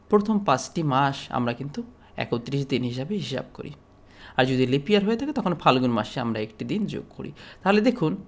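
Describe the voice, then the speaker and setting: A man from Bangladesh giving an explanatory lecture as a teacher, speaking steadily with frequent pauses and fillers. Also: a little high.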